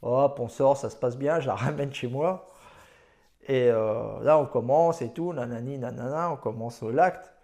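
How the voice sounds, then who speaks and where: A man's voice: mid-range voice, measured pace, a little mellow. A man giving dating advice in a casual monologue, telling his own stories in a boastful, slangy and emphatic way.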